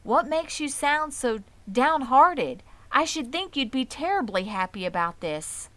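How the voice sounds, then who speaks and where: A woman voicing an excitable, affectionate young male pig in a storybook reading, full of wide-eyed questions. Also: high-pitched, unhurried, dry recording, voice pushed up, exaggerated voice. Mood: eager, reassuring.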